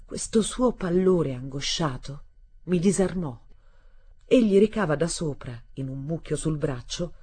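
A woman reading a literary novel aloud in a measured, expressive way. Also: sits low, breathy edge. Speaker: audiobook reader. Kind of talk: literary audiobook narration.

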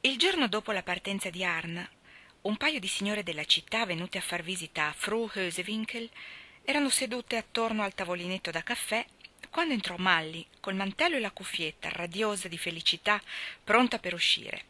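A woman reads a literary novel aloud in a bright, clear voice of middle pitch. She paces the narration in a measured, expressive way and sinks almost to a whisper at the hushed moments. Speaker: reader. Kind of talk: literary audiobook reading.

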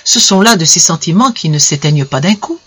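A reader narrating a classic short story in a measured, expressive way. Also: mid-range voice, slightly rough. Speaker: audiobook reader. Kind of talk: literary narration.

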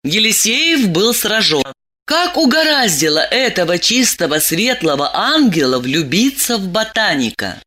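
A woman narrating an audiobook story in a lively, expressive way. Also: medium pitch, a little slow.

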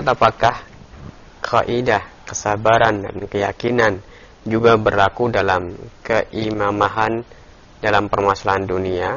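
A man's voice: on the low side, creaky, fairly bright tone. A man acting as moderator, politely reading out listener questions to the teacher in a formal way. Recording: muffled lo-fi recording with faint noise.

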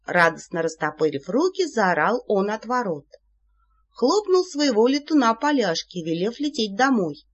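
A woman narrating an audiobook in a playful, animated manner. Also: on the high side, normal speed, slightly rough. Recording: slightly muffled recording.

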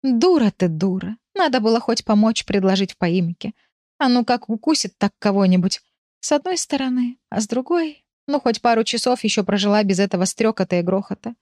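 A woman's voice: on the high side, lively intonation, a little fast, a little mellow, no echo, studio quality, lightly acted. A woman voicing a flustered middle-aged woman who fusses and scolds herself. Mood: self-scolding. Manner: fussing, self-scolding.

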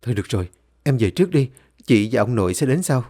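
A man's voice: medium pitch, very animated, fast talker, dark tone. A man doing a worried young village woman. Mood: urgent. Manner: anxious, pleading.

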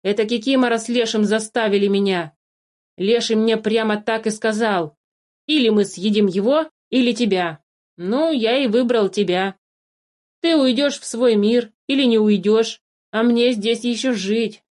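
A woman's voice: fairly high pitch, normal speed, a little mellow, close to an everyday voice. A woman voicing a small, sly male forest changeling who chatters cheerfully and wheedles without guilt. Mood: calm excuses. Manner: chirpy, wheedling, unbothered.

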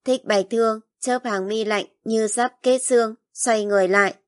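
A woman's voice: on the high side, normal speed. Woman narrating a storybook evenly. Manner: even, literary storytelling. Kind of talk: audiobook narration.

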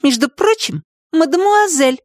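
Woman voicing a bright cheerful young girl. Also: normal speed, dry recording, clean studio sound. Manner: high, lively and cheerful. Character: bright, bold young girl, friendly and perceptive.

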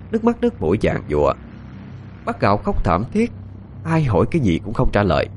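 A man narrating a ghost story in an expressive, dramatic way. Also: medium pitch, slight background noise.

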